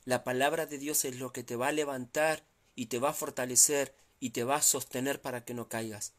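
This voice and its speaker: A man's voice: steady tone, brisk. A male pastor preaching a sermon in a church, exhorting listeners with repeated urgent phrases and rising emphasis. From Argentina. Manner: exhorting, repetitive urging, rises in pitch when pressing a point.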